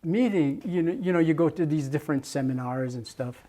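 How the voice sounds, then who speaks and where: A man's voice: a little high, a little fast, warm tone. An older man from Jamaica, a muralist, recalling his past at length in an oral history interview, with many restarts and fillers.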